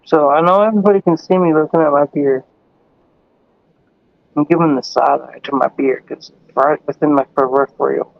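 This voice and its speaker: A man hosting a livestream, rambling loudly and swearing freely, with frequent laughs and a rowdy way of calling out to viewers. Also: fairly high pitch, fairly even intonation, normal speed, gravelly, no room sound, muffled recording. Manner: rambling and profane, laughs often. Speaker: livestream host. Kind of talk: casual livestream chat.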